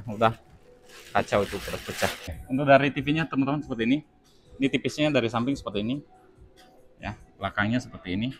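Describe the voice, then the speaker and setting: A man giving a casual unboxing review of a TV, talking chattily to his viewers while he handles the set. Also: mid-range voice. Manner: addresses viewers as teman-teman, chatty, explains while handling the product. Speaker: product reviewer.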